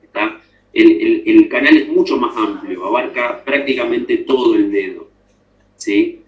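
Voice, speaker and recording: A man's voice: mid-range voice, a little slow, highs cut off. Echoey male instructor lecturing a class. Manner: explanatory, checks understanding with frequent tag questions. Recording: echoey room.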